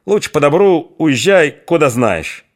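Stern old Cossack patriarch, firm and commanding, voice raised high , as the narrator puts him on. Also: male voice, animated, measured pace. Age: older.

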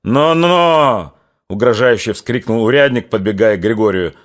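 A man reads a novel aloud with a steady, measured delivery. His voice sits on the low side. He sinks lower and quieter through the dark passages. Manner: measured, even reading that drops lower and quieter in somber passages. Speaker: audiobook narrator. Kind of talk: scripted literary narration.

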